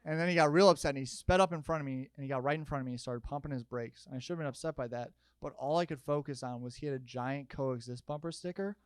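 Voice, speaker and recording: A young man doing a stand-up comedy set, telling stories in an animated way and jumping up into loud shouted bits. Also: mid-range voice, fast, hardly any pauses, smooth, no echo. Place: comedy stage with audience.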